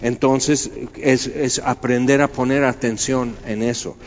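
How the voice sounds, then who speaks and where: A man's voice: medium pitch, a little slow. Conversational Spanish-speaking male preacher. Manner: conversational, animated storytelling with many fillers. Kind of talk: sermon. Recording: slightly dull, faint background noise.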